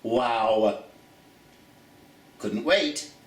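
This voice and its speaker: A man leads a children's storytime, reading a picture book aloud in a theatrical, folksy, chatty style and talking straight to his listeners. His mid-range voice stretches out words, with a faint hiss or hum present. He sounds far from the mic in a roomy, echoing space.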